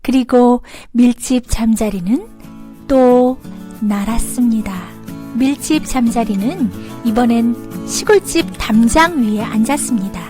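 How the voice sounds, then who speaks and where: A woman's voice: a little high, unhurried, mellow. A woman storyteller reading a scripted children's story as narrator. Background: background music.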